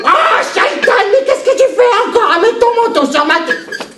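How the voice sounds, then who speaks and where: Cheeky chatterbox parrot, voiced by a man, very high and squawky, swooping all over, kids' stage show. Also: sing-song, normal speed. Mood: indignant. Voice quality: shrill squawking. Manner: scolding, indignant. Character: loud chattering male pet parrot, cheeky. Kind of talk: live children's stage show. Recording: echoey hall, mic far off, background noise.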